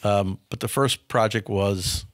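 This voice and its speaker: A company founder in his fifties tells candid, frank business anecdotes in a studio interview on a dark set, often repeating words as he begins a thought. His voice is on the low side with fairly even intonation and a slightly slow pace, recorded on a studio boom mic with no room sound.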